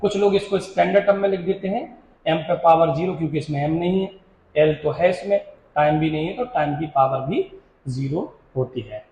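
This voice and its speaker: High-voiced male physics teacher, echoey room. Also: a little mellow. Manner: repeats definitions slowly, quizzes the class; mixes Hindi with English terms. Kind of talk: classroom lecture.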